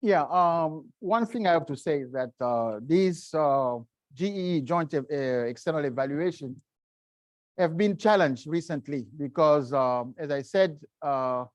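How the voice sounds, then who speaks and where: A middle-aged man, a guest speaker, answering seminar questions in a halting way, often searching for words. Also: a little high, lively intonation, no room sound. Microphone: video call.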